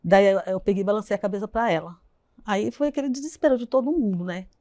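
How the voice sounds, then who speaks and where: A woman, a guest telling a personal story of loss in a halting way, retelling the dialogue and repeating herself. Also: medium pitch, dark tone, no echo. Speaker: interview guest. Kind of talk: emotional personal account.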